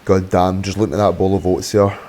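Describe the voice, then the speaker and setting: A fitness vlogger chats casually in a blokey, sweary way, mixing vlog talk with gym tips. His voice sits low and dark with a flat delivery and a fairly quick pace. He's in a large indoor kitchen, where hard reflections make the room echo, with slight background noise.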